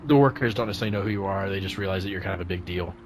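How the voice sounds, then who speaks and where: A man narrating casually as game master, improvising hesitantly with lots of pauses. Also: low voice, over music.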